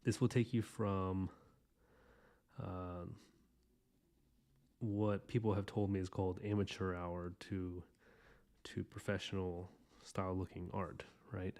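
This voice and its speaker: A man's voice: deep voice, level tone, slow pace, pauses often, darkish tone. A man in his thirties talking loosely through a drawing lesson as he sketches, rambling and chatty with many restarts. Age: 30s. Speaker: artist hosting a drawing podcast. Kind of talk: casual drawing tutorial while sketching.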